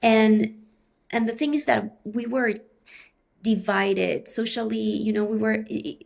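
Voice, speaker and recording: Woman, researcher on a podcast, slow careful explaining, gravelly fry in the voice. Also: on the high side, fairly even intonation. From Peru. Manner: measured, explanatory, thinks aloud. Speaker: academic researcher guest. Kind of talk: podcast interview.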